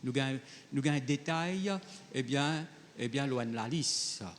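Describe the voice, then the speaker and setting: A male pastor preaches conversationally, reading Bible verses and then speaking directly to his congregation, blending French with Creole phrasing. His voice is medium-pitched and a little slow. The recording has a long reverb tail and slight hiss or hum.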